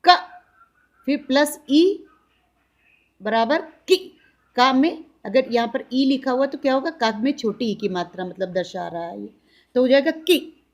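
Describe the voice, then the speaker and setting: A woman's voice: high voice, lively intonation, lo-fi sound. A woman teacher giving a classroom grammar lesson, drawing out each vowel sound and asking questions she answers herself. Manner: slow, drawn-out demonstration of vowel sounds, asks questions and answers them herself.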